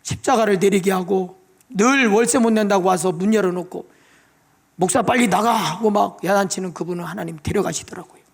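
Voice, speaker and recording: Male pastor, high gravelly voice, emotional testimony sermon in a church. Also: brisk. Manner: emotional testimony, tearful pleading prayers. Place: church sanctuary.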